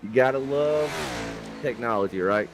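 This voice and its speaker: A man's voice: medium pitch, moderate pace, a crowd in the background. A man with a Southern US accent, co-commentating a live racing broadcast over a headset in a folksy, easygoing way. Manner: folksy and easygoing, calls his partner brother and buddy. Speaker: race co-commentator.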